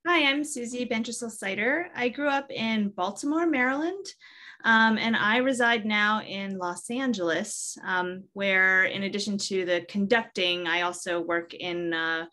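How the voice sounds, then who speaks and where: A woman's voice: mid-range voice, measured pace, sharp tone. A woman conductor and composer giving a friendly introduction on a video call. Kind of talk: panel introduction.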